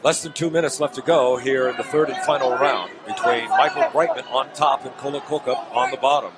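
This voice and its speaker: A man calls live MMA play-by-play in a booming announcer voice. His mid-pitched delivery is projected out over a very loud crowd and heavy arena noise. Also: a little fast. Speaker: fight play-by-play commentator. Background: loud fight crowd.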